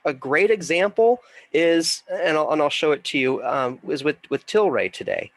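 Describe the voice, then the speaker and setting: A man's voice: on the high side, animated, normal speed, creaky, dry recording. A middle-aged man talks through a casual online investing lesson. He sounds congested and rambles, full of fillers and restarts. His voice is close and dry. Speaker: investing class teacher. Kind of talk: casual online class talk.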